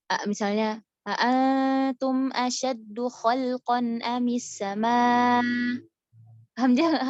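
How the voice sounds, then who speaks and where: A woman with a fairly high voice teaches an online recitation class, chatting casually and breaking off to sing examples of right and wrong readings. The audio is dry and a bit dull, with the lo-fi feel of a home recording. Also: no echo. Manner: chatty, demonstrating recitation errors. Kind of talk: online tajwid lesson.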